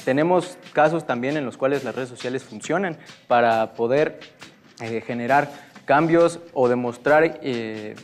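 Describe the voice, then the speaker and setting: Hesitant young debater. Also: male voice, mid-range voice, a little slow, faint music behind. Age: young adult. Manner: hesitant, many filler sounds and restarts. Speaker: student debater. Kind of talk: debate argument.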